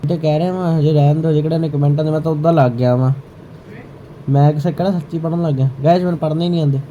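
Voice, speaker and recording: A man's voice: a little high, fairly even intonation, very fast, warm tone, lo-fi sound. A man hosting a casual vlog, addressing viewers and bickering playfully in a teasing way. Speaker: vlog host. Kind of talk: casual chat to viewers and game banter. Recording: background noise, home ambience.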